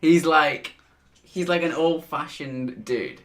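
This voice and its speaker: A man's voice: fairly high pitch, takes it slowly, fairly bright tone. A man co-hosting a podcast in casual chat, talking loosely with lots of fillers and frequent laughter. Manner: chatty, giggly, filler-heavy with lots of "like". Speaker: podcast co-host.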